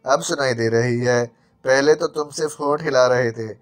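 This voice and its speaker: A man's voice: mid-range voice, close to an everyday voice. A man reading a brusque, scolding woman. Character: stern, impatient young foreign woman.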